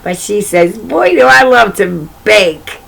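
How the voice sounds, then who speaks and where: Reading a picture book aloud for kids, this host speaks slowly in an animated, medium-pitched voice that is creaky yet fairly bright, chatting to her young audience with asides and repeated phrases. A little hiss or hum is audible.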